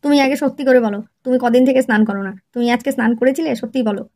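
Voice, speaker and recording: A woman's voice: high voice, very fast, a little mellow. A woman narrating a comic family skit and playing a nagging, exasperated wife. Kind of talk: comic storytelling with acted dialogue.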